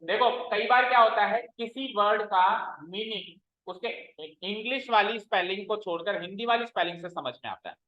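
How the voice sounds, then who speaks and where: A man teaches a maths class in a stern, repetitive lecture, quizzing his students as he explains. His voice sits high, and he talks at a moderate pace with hardly any pauses. The classroom recording is roomy, dull and lo-fi.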